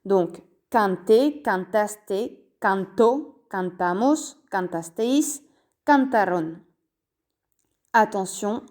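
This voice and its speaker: Woman, teacher, language lesson, slow careful delivery, mellow tone, repeats forms. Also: medium pitch. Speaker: Spanish teacher. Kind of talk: language lesson explained in French.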